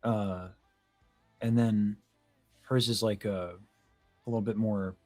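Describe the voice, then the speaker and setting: A young male vocal coach hosts a relaxed video-call chat about singing, breaking down technique in careful, analytical detail. His voice is lowish, steady and mellow, he takes his time, and soft music plays in the background.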